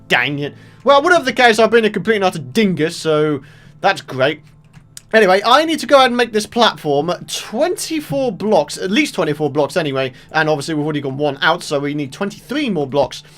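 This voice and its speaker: Young British gaming host, chatty and self-mocking, high lively voice. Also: male voice. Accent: British English. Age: 20s. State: morning voice. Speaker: gaming YouTuber. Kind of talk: casual let's-play commentary.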